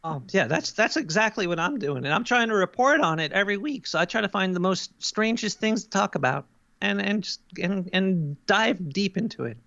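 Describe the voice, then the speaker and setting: Cartoon rat guest, played by a man, creaky voice, chatty, stammering and jokey, on a dull, close, dry recording. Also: high voice, lively intonation, normal speed, bright, forceful tone, dry recording, exaggerated voice. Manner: rambling, joking, stammering starts. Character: paranoid cartoon rat, male, podcaster, easygoing. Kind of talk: casual comic interview in character.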